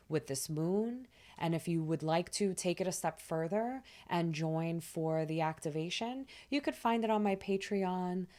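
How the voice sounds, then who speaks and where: A woman with a low voice talks gently and soothingly, the way a spiritual host speaks to her followers. Her speech is relaxed and loose, with casual fillers here and there. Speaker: spiritual astrology channel host. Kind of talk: gentle spiritual talk to camera.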